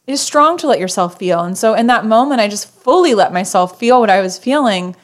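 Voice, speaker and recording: A woman as a podcast guest, telling a personal story in an earnest, animated conversational way. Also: medium pitch, brisk.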